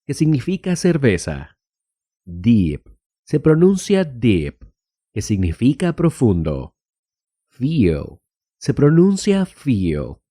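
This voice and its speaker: Male teacher, scripted lesson read. Mellow tone, very animated melody, careful slow delivery of example words. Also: medium pitch. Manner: says English example words slowly and carefully, then glosses them. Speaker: English teacher.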